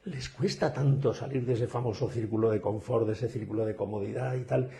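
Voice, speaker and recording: Man, speaking coach, lively storyteller, dark gravelly voice, video call. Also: mid-range voice, fairly quick. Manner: animated storyteller, acts out quoted students. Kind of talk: interview answers.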